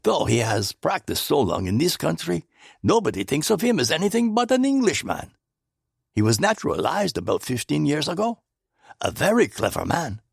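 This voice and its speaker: A man reading in a lifted, animated voice for a shrewd older Belgian detective from a storybook, calm and faintly amused. The tone is gravelly and husky, with wide swings of pitch through each precise phrase. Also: normal speed, no room sound, studio quality, full character voice. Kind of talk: audiobook character voice.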